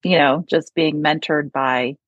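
A woman's voice: low-pitched, fairly even intonation, measured pace, dry recording, highs cut off. A woman with an upstate New York accent, a speech therapist chatting as a guest in an interview, laughing often and using many fillers. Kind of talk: conversational interview.

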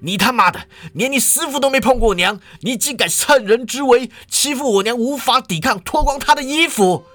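A man voicing a furious, vulgar young swordsman who shouts and curses accusations. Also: medium pitch, very animated, moderate pace, breathy edge, no echo. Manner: shouting, cursing.

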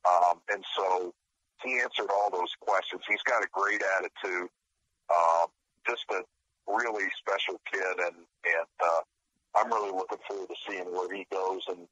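Brief Male sports reporter guest on radio, husky, close dry sound, lower voice. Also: fairly even intonation, unhurried, sharp tone, no echo, lo-fi sound. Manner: earnest, detailed analysis. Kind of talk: radio interview.

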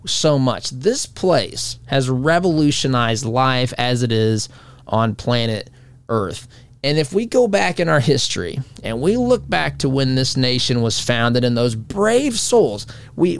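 A man's voice: medium pitch, creaky. A man in his forties, hosting a talk show, speaking in a rambling, conversational way with frequent restarts. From United States. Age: 40s. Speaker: radio talk show host. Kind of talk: casual monologue.

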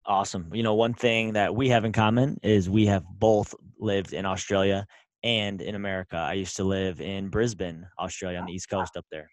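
Male host, fairly low voice, dry close mic, cheerful questions. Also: fairly even intonation, normal speed, no room sound. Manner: upbeat, keeps saying awesome. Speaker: interview host. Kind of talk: interview questions.

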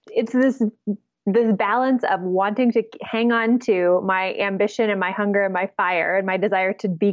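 Animated woman co-hosting a podcast. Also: mid-range voice, dry recording, dull audio. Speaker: podcast co-host. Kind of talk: casual podcast chat. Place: home basement.

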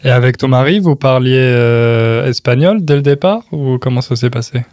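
A man interviewing a guest in a relaxed, reflective conversational way. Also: medium pitch, normal speed, dry recording, studio quality.

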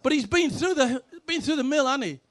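Brief: middle-aged ex-player man, high voice, brash comic yarns. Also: expressive, a little fast. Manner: brash, punchy, sweary punchlines. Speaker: former footballer telling stories. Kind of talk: comic anecdotes, stand-up storytelling.

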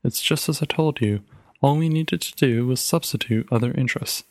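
A man's voice: medium pitch, normal speed, dry recording, close to an everyday voice. A man voicing a stern, determined mother, reading her lines firmly and insistently in a storybook reading. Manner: firm, clipped and insistent.

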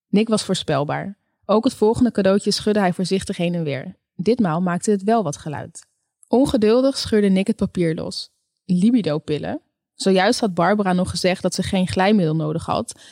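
A calm woman with a mid-range voice narrates a story as an audiobook reader. The scripted narration is recorded dry, with clean studio sound.

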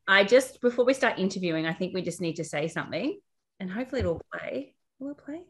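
A woman podcast co-host speaks with a broad Australian accent. Her pitch swings widely as she chats casually, with a giggly, self-mocking manner. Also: animated, fast talker, a bit bright, a little hiss or hum.

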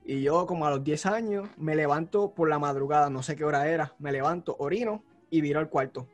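A man with a somewhat high voice recounts a story on a casual podcast, animated and dramatic in how he tells it. Faint music sits under his voice. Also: brisk. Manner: animated storyteller, acts out shouts. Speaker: podcast co-host.

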